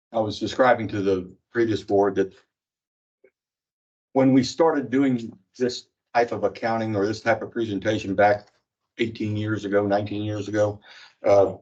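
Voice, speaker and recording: A man's voice: fairly low pitch, darkish tone. A man working as an auditor, informally presenting a report at a meeting. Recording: distant, muffled meeting-room microphone.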